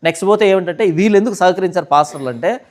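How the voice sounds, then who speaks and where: A man, a pastor answering questions in a heated session. He argues forcefully and keeps throwing rhetorical questions back at his listeners. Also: sits high, rapid-fire. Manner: argumentative, fires rhetorical questions.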